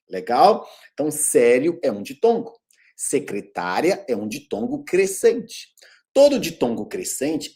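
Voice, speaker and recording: A man with a Brazilian Portuguese accent teaching a grammar lesson on video, talking straight to viewers and stretching out the example words. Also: mid-range voice. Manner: lively, calls out to viewers, drawn-out example words.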